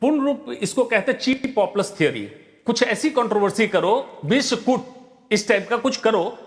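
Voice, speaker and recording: A male doctor on a TV debate panel, explaining his view in a measured way. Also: high voice, expressive, long reverb tail.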